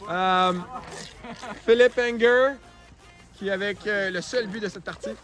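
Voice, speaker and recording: High-pitched, excited Quebec sports commentator, male. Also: slow, music in the background. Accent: Quebec French. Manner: informal, exclamatory, joking. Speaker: play-by-play commentator.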